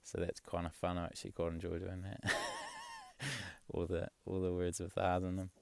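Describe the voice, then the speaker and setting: A young man chatting casually in a vlog, rambling and relaxed, swearing offhand. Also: low-pitched, normal speed, gravelly, no room sound. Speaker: travel vlogger. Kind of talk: casual chat.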